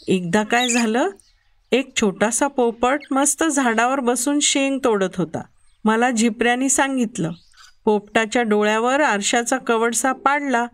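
Woman storyteller, high voice, expressive first-person children's narration. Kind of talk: reading a children's story aloud.

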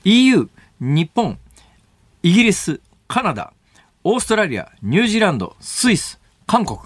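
A man's voice: high voice, wildly swooping pitch, normal speed, breathy edge, no echo. A male radio host explaining the news in a blunt, sardonic way, with casual asides, in a studio. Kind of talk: news commentary on talk radio.

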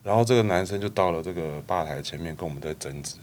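A man's voice: deep voice, quick pace, slight background noise. A man, a bar founder, casually telling stories in an interview and acting out the people in them. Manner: animated storyteller, acts out customers' lines.

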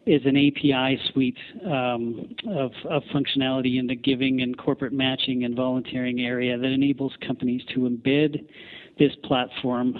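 A man with a Canadian accent being interviewed, explaining his company in halting, measured corporate language. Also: mid-range voice, flat delivery. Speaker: company founder, interview guest. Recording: tinny phone line.

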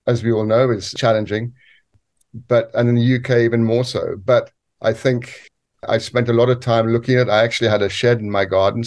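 Measured Zambian-raised man, lowish voice. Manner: measured, with frequent restarts. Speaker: guest, cofounder. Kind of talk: interview answers.

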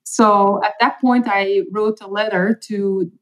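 A middle-aged Belgian woman, a native Dutch speaker with a Flemish accent, appears as a guest on an interview podcast, where she is chief medical officer. Her mid-range voice is steady, slow and slightly bright, and she tells her story earnestly and thoughtfully with small fillers. The audio quality is poor.

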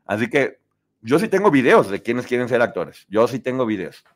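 A man's voice: medium pitch, big pitch swings, moderate pace. A chatty man with a Mexican Spanish accent hosts a live stream. He talks straight to his viewers, reads their comments aloud and laughs often. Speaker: host.

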